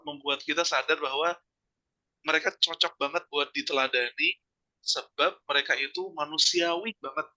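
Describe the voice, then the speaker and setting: Guy explaining stuff casually, super bright sharp voice. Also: fairly high pitch, poor audio. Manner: colloquial, explains in everyday terms. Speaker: co-speaker. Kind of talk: casual religious talk.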